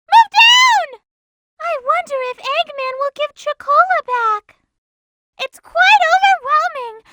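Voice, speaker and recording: A woman voicing a polite, gentle little girl rabbit in a video game, speaking earnestly and helpfully. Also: very high voice, very noisy. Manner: polite, well-mannered, earnest helper.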